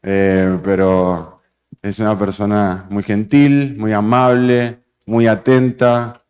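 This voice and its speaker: A man's voice: lowish voice, level tone, slow pace, darkish tone, clear, resonant tone. A man hosting a seminar, speaking informally to an audience as he introduces a guest speaker.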